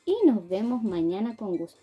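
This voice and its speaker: A woman's voice: mid-range voice, lively intonation, moderate pace, husky, highs cut off, soft background music. A woman teaching a phonics lesson to small children, sounding out words syllable by syllable and praising them often. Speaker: preschool teacher.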